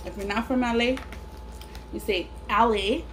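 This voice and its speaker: A woman's voice: a little high, moderate pace. A woman chats casually and bluntly, rambling and swearing through a story while eating chicken wings. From Los Angeles area, California. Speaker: mukbang vlogger. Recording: clear background noise, air conditioning hum. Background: air conditioner.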